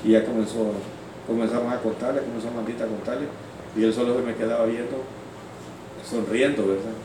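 A man, a pastor telling his testimony from the pulpit with fervent storytelling that swings between loud outbursts and hushed asides. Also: medium pitch, steady tone, brisk, far from the mic, background noise. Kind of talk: sermon testimony. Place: church hall. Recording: echoey hall, voice off-mic.

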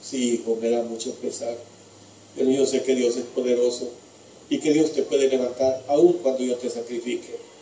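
A man voicing the old father Abraham, speaking to his son with gentle, sorrowful reassurance. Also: mid-range voice, flat delivery, normal speed, slight background noise, lightly acted. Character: old father Abraham, grieving but devout. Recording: echoey room from far off.

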